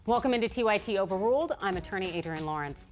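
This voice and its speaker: A woman's voice: medium pitch, expressive, quick pace, faint music behind. An American woman hosting a news show, delivering scripted opinion commentary in an emphatic, sardonic way. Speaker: online news show host.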